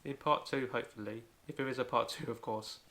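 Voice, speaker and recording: A man's voice: medium pitch, fairly even intonation, brisk, sharp tone. A man hosting a home-made language tutorial, explaining carefully step by step and often starting with "so". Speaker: language video host.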